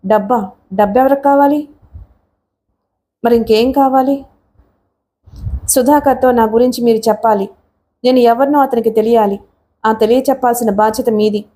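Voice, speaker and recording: A woman's voice: a little high, steady tone, moderate pace, long pauses, dark tone, lightly acted. A woman voicing a bitter, furious young man who delivers an impassioned, accusing tirade in an audiobook. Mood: insistent.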